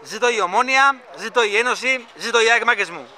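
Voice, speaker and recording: A man casually narrating a vlog outdoors on a construction site, chatty and enthusiastic, filmed on a handheld camera mic. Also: very high voice. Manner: chatty, rambling, enthusiastic fan talk. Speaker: vlogger filming a stadium construction site. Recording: loud construction site noise.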